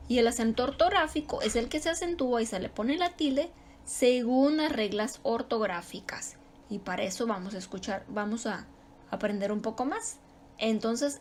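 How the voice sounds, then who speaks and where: A woman teaching a grammar lesson, explaining slowly and repeating example words with strong stress. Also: a little high.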